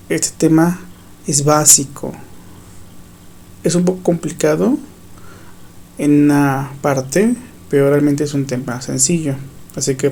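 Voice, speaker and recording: Male teacher, mellow dark tone, explains step by step and repeats himself. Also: a little high, gravelly, a little hiss or hum. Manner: slow, patient, repeats key points. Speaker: English teacher. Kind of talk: explaining grammar to students.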